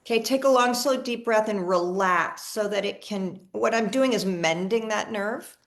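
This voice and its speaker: A woman with a medium-pitched voice speaks at normal speed while guiding a live online energy healing session on a video call. As an energy healer, she's chatty and enthusiastic, often repeating and restarting words.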